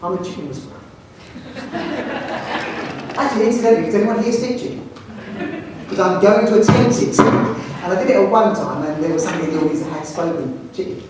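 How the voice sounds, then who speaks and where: Male headteacher with a London accent, animated anecdotal speaker; distant mic in a reverberant hall. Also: high-pitched, fairly quick, pauses often, very noisy. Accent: London English. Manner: jokey storyteller, animated, self-mocking. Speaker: headteacher giving a talk. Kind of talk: anecdotal presentation to an audience. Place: large hall with audience.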